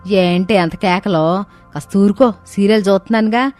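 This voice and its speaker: A woman voicing a sharp-tongued mother-in-law who scolds and brushes others off in a storybook tale. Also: mid-range voice, moderate pace, soft background music, close to an everyday voice. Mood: dismissive. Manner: scolding and dismissive.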